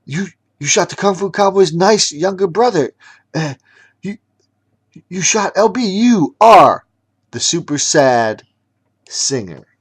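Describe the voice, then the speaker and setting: A man voicing a young heroine girl who stammers and shouts accusations in a storybook reading. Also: mid-range voice, measured pace, voice pushed up, natural voice. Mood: accusing.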